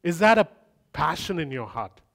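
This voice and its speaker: A man with a fairly high, creaky voice preaches at a moderate pace in a laid-back, talky style. His sermon includes humorous asides, and he builds momentum through repeated phrasing.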